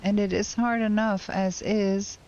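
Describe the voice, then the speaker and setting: A woman streamer giving casual gameplay commentary, thinking aloud in a slow, hesitant way, her voice cracking because she is unwell. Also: mid-range voice, fairly even intonation, a little mellow, highs cut off, a little hiss or hum. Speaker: game streamer.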